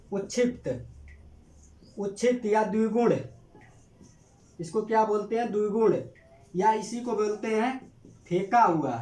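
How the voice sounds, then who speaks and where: A man's voice: high voice, reverberant. A man teaching a grammar lesson, asking questions and answering them himself, stretching out key terms as he repeats them. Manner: drawn-out emphatic repetition of terms.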